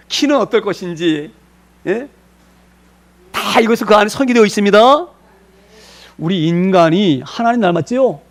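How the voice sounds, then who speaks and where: High-voiced male pastor preaching. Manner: asks the congregation frequent rhetorical questions. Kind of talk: sermon.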